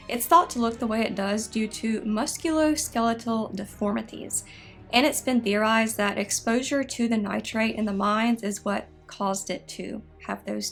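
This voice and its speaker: A woman narrating scripted spooky history stories in a measured, explanatory way. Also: fairly high pitch, vocal fry, fairly bright tone. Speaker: narrator of a haunted history show.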